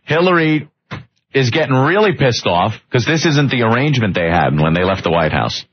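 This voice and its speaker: A man's voice: mid-range voice, expressive, moderate pace, slight background noise. A man hosting a radio show, chatting casually and laughing as he reads tabloid stories aloud. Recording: dull lo-fi radio broadcast.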